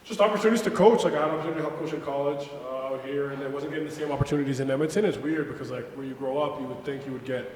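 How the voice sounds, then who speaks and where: Young male coach, from Nigeria, lively slangy chat, recorded far off in a reverberant room with faint noise. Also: very fast, hardly any pauses. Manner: animated, slangy, swings from excited to low and quiet. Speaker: guest, basketball coach. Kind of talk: casual podcast chat.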